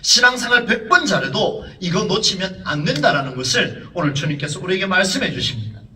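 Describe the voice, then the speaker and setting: A pastor preaches an earnest, dramatic sermon in a church sanctuary, throwing rhetorical questions at the congregation. His high-pitched voice sounds pushed and bright, picked up from off the mic in an echoey room.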